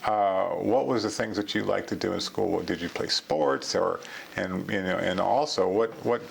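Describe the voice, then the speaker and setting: Low gravelly-voiced male interview host. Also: slight background noise. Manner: halting, many restarts, genial. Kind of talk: casual interview conversation.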